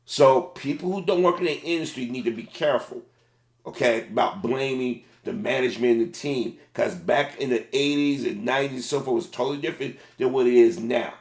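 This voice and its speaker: A middle-aged man, a former fast food manager, giving casual, plain-spoken commentary on a video. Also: medium pitch, roomy sound.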